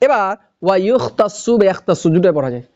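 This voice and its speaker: A man teaches grammar in a lecture, his voice sitting high. He keeps asking questions and answering them himself. The recording sounds muffled and lo-fi. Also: sing-song, fast talker, a little mellow. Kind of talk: classroom lecture.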